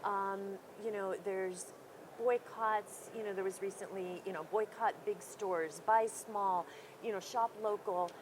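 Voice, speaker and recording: The woman running a small credit union speaks a little slowly, at medium pitch with fairly even intonation, during a conference interview. She's self-deprecating and full of fillers. Noise from the busy conference floor comes through in the recording.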